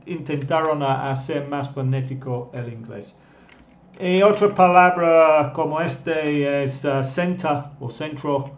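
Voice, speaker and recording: Slow, deliberate male English teacher. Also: mid-range voice, a little mellow, echoey room, a little hiss or hum. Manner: slow, deliberate, repeats key words and definitions. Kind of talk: live online language class.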